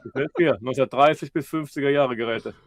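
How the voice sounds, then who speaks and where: A man's voice: medium pitch, fast, creaky, dry recording, studio quality. A middle-aged man chatting casually on a video call, repeating his phrases in a chatty way.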